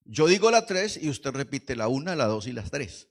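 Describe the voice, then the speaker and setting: A man preaching a lively Pentecostal sermon in church, swinging from hushed asides to shouts and quizzing the congregation. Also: medium pitch, normal speed. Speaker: pastor.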